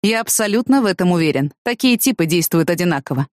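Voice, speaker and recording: A woman voicing a calm, dry young man. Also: on the low side, quick pace, no room sound, close to an everyday voice.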